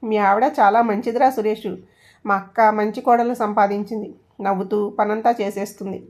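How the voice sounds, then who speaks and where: A woman's voice: mid-range voice, steady tone, normal speed, a little mellow, lightly acted. A woman voicing an outspoken older aunt who lectures bluntly. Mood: lecturing.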